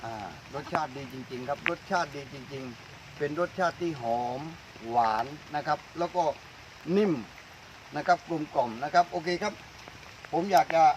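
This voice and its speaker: Eager to hear the farmer out, the interviewer echoes every answer for the fertilizer company's promotional video, shot in a coconut orchard during rain. He owns the brand, and his voice is on the high side at a moderate pace. The background is noisy.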